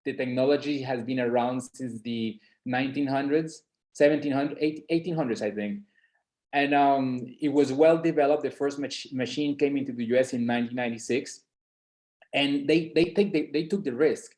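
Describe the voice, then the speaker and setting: This informal webinar talk comes from a middle-aged man from San Andres and Providence, Colombia, whose medium-pitched voice is a little mellow. He's hesitant, restarting often and leaning on fillers.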